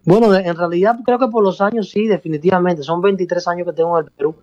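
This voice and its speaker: Cuban bandleader, warm dull-toned voice. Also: male voice, sits high, fairly even intonation, quick pace. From Cuba. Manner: expansive, repeats himself, calls host "hermano". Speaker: salsa bandleader guest. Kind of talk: casual radio interview.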